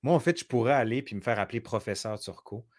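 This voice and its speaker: A man's voice: medium pitch, fast talker, dry recording, studio quality. A man with a Québécois accent chatting casually and making wry, joking asides. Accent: Québécois French. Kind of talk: casual conversation.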